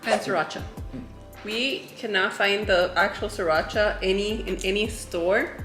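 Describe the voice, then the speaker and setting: A woman's voice: mid-range voice, unhurried, fairly bright tone, echoey room, soft background music. Chatty woman mixing in Spanish words. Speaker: vlog co-host. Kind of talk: casual mukbang chat.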